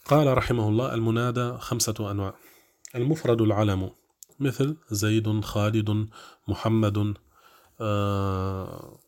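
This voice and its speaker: A man teaches Arabic grammar in a classroom, explaining step by step with drawn-out fillers and frequent checks that listeners are following. His voice is fairly low, steady, and somewhat dark.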